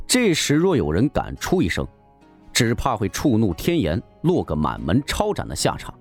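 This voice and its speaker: A male storyteller reading a wuxia novel, his pitch swooping dramatically from line to line. The delivery is suspenseful and theatrical over faint background music. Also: wildly swooping pitch, normal speed. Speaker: narrator. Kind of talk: dramatic audiobook narration.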